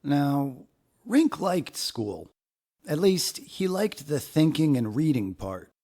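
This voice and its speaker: In a fairly high voice, the man narrates a children's picture book, reading it out expressively and with deliberate pacing.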